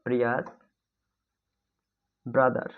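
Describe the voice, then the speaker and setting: A man's voice: medium pitch, level tone, takes it slowly. A man teaching an exam-prep grammar class online in a chatty way, often checking if students follow and calling them brother. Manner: chatty, keeps asking "ঠিক আছে?"; addresses students as "bhai", mixes English terms. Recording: tinny phone-like audio.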